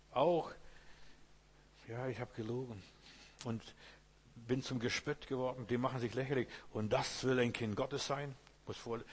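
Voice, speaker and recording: A man's voice: mid-range voice, breathy edge. A man preaching a sermon, speaking directly to his listeners with frequent rhetorical questions. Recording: long hall reverb.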